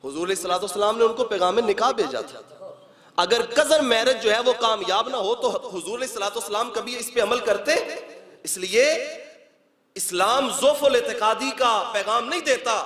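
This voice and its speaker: High-pitched preacher in an echoey hall. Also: male voice, moderate pace. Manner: animated storytelling, acting out dialogue. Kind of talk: Urdu religious speech. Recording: echoey hall with long reverb.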